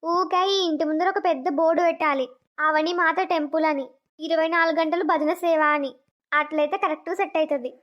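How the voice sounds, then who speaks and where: Squeaky spiteful cartoon sister-in-law, sly and whiny. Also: female voice, fairly even intonation, fairly quick. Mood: scheming. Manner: sly, then loudly self-pitying denials. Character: scheming young woman, spiteful sister-in-law. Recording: dull lo-fi cartoon audio.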